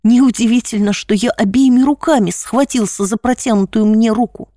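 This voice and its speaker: A woman reading a first-person story aloud in a measured, expressive way. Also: fairly high pitch, dry recording, clean studio sound.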